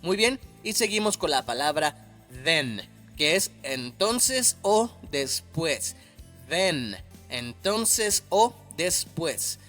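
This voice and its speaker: A man teaching an English lesson, patiently repeating each word slowly and clearly. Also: a little high, sing-song, a bit bright, faint music behind. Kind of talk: slow, careful language lesson.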